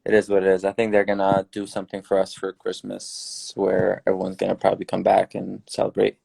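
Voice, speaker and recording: A young man from Syria, a newly graduated dentist, giving earnest, relaxed advice as a podcast guest. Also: deep voice, brisk, creaky, husky. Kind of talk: casual podcast chat.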